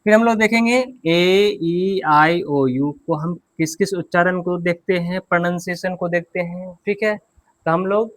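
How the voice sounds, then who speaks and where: High-voiced male teacher, patient and repetitive. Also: measured pace, fairly bright tone, dry recording. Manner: patient, repeats key points and asks the class questions. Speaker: English grammar teacher. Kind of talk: classroom lesson explaining grammar and pronunciation.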